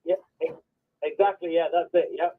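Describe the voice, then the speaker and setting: High-voiced man calling in on speakerphone. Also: steady tone, normal speed, creaky. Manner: polite, apologetic, grateful. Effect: phone on speakerphone. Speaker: radio caller. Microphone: phone on speaker. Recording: tinny phone line.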